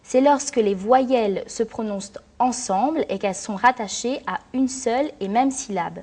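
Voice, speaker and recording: A woman teacher narrating a scripted lesson in a clear, measured, explanatory way. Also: fairly high pitch, darkish tone. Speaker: French teacher.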